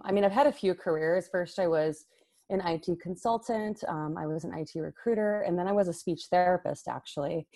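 A woman in her thirties from the Chicago suburbs talks on a podcast in a lowish voice. She speaks thoughtfully and fills her talk with "um" and "like". She laughs easily between points. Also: warm tone. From Chicago suburbs, USA. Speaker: podcast guest, library director. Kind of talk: casual podcast interview.

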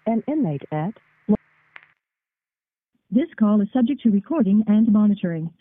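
A woman's voice: medium pitch, lively intonation, normal speed. A woman's recorded operator voice reading a formal collect-call announcement over a prison phone line. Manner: scripted, formal and evenly spoken.

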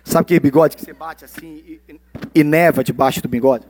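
A man preaching a sermon as a pastor, animated, swinging from loud exclamations to hushed asides. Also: fairly high pitch, a little fast.

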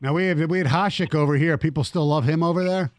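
A male radio co-host with a somewhat high voice asks a caller about his life. He starts in halting bits and restates his questions. His mic sounds close and dry. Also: no room sound. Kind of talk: radio interview.

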